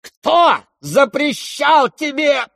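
A man voicing an irascible aristocratic older woman who scolds and shouts imperiously in an audiobook. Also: very high-pitched, big pitch swings, very slow, vocal fry, dry recording, studio quality, voice pushed up, exaggerated voice. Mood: furious. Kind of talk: audiobook character voice.

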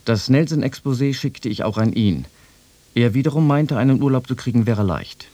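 In a radio feature, a man reads out a personal letter to a friend, playing a wry soldier-writer. His mid-range voice has a warm tone and a moderate pace. The reading is lightly acted, with a wry, resigned mood.

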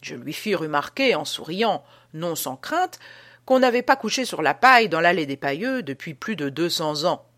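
A woman's voice: fairly low pitch, sing-song, normal speed. Woman reading as an old prison guard. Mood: spooked. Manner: dramatic, hushed storytelling. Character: old male prison guard telling an uncanny tale. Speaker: audiobook reader. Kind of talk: audiobook reading.

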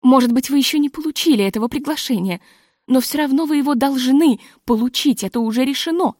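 A woman voicing a nervous, tall masked society lady who talks in a halting, hysterical, pleading way, read as an audiobook. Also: sits high, a little mellow, no echo, clean studio sound. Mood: insistent.

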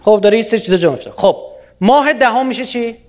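A man from Iran giving a lively public lecture, often quizzing his audience with rhetorical questions. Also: high-pitched.

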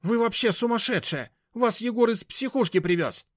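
A man voicing a shrill, brash, stout middle-aged woman who shrieks rudely and indignantly. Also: normal speed, dry recording, studio quality, natural voice. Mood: screeching.

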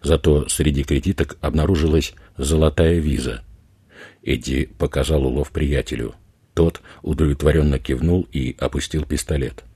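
A man narrating an audiobook in a measured, unhurried reading. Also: rumbling low, fairly even intonation, mellow, husky, no echo. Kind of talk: scripted narration.

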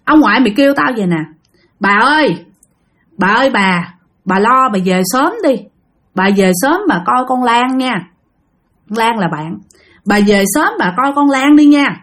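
A woman's voice: a little high, animated, a little slow, pauses often. A woman voicing a stern old grandmother warning her grandson. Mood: scolding. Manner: sharp scolding.

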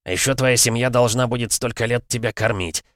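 A man voicing a cynical middle-aged police chief who scolds sternly and coaxes with false gentleness. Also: medium pitch, fairly quick, dry recording, clean studio sound, pitched above the performer's own voice, lightly acted. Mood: scolding.

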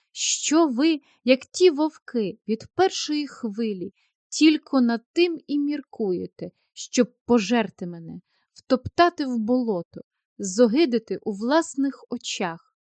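Proud young female clerk, cold and reproachful, slightly high voice, read by a woman. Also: lively intonation, measured pace, a little mellow, no room sound. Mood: anguished. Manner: cold, reproachful, turning tearful. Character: proud young woman, post office clerk, wounded and indignant. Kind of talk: audiobook character reading.

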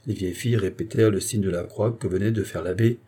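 A man reading a novel aloud in a measured storytelling manner. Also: sits low, mellow, slightly rough. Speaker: audiobook narrator. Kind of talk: scripted narration of a novel.

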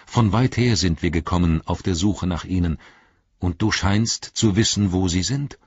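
A man's voice: sits low, normal speed, husky, dry recording, lo-fi sound. A man voicing an earnest, eager male elf in an audiobook, lifting his voice above his own.

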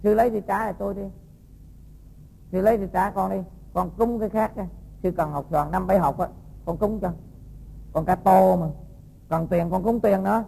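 A man's voice: high voice, moderate pace, gravelly, pauses often, mellow, slightly rough, long reverb tail, pitched above the performer's own voice, exaggerated voice, poor audio. A man voicing an angry woman who accuses a monk of stealing and keeps scolding him. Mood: accusing. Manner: scolding, insistent.

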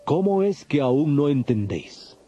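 Solemn Jesus over prominent music. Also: male voice, on the high side, sing-song, a little slow, mellow, lo-fi sound. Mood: stern, questioning. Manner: solemn, emphatic, declamatory. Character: Jesus, authoritative adult male teacher rebuking and instructing. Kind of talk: dramatized audio Bible acting.

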